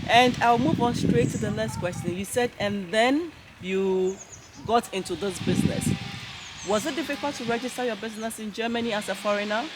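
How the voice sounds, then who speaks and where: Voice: mid-range voice, a little fast, heavy background noise. An interview host talking straight to viewers, enthusiastic and full of repeated "wow". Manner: enthusiastic, says "wow" often, addresses viewers. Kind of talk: casual interview.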